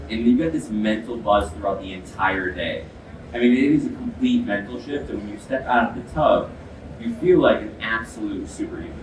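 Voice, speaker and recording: A man giving an explanatory product demo as an expert, speaking in an earnest, emphatic way. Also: fairly low pitch. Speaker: ice bath expert and product demonstrator with sports medicine background. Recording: echoey, distant mic, noisy background.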